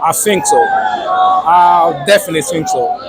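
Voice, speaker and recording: An excited man giving a casual post-match fan interview outdoors, emphatic and repeating his phrases. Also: high-pitched, moderate pace. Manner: excited, buzzing. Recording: noisy outdoor street with crowd.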